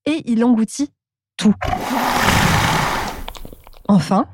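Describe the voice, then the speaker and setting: A woman narrating a children's storybook in a calm, clear storytelling manner. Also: a little high, very slow, a little hiss or hum.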